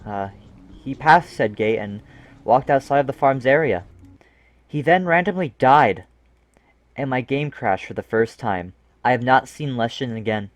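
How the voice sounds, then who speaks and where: A man's voice: medium pitch, expressive, unhurried, no room sound. A young man narrates his gaming memories with comic, self-deprecating timing, cursing casually and tossing in asides. His voice sits right in the middle of the usual male range. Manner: self-mocking, jokey, swears, breaks off into laughs and asides. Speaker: gaming video creator. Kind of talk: comedic scripted narration.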